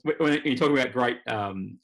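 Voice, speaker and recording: A man's voice: medium pitch, a little fast, creaky, a bit bright. An Australian man hosting a casual sports podcast, talking in a wry, rambling way. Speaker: podcast host. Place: remote video call.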